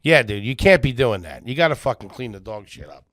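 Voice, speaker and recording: A man's voice: medium pitch, very animated, a little fast, fairly bright tone, dry recording. A man co-hosting a comedy podcast, arguing his point insistently in casual banter. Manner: argumentative and insistent. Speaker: podcast co-host.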